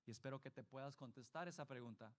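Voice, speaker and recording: A pastor with a mid-range voice talks fast as he preaches a sermon, emphatic and varied in delivery, putting direct questions to his congregation.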